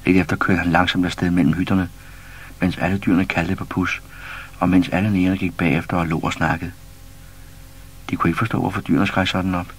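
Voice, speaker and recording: A man reading a children's storybook aloud to a young listener, steady and storyteller-like. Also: deep voice, slightly rough. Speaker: audiobook reader.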